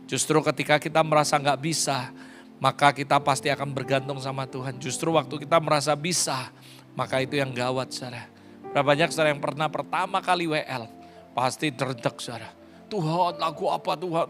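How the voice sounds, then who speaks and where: A man preaching a sermon as pastor, passionate and often rising to loud, high exclamations, slipping English phrases into his talk. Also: steady tone, brisk, soft background music.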